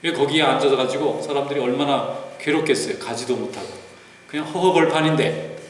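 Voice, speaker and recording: A male pastor giving a sermon, telling stories in a relaxed, conversational way with folksy asides. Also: medium pitch, brisk. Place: large church sanctuary. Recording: roomy church hall reverb with faint noise.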